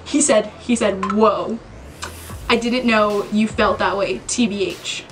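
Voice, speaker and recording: A woman's voice: medium pitch, steady tone, slow pace, over music, low-quality recording. A woman vlogging to camera in a nervous, rambling way. She talks to herself and repeats her words. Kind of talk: casual vlog to camera.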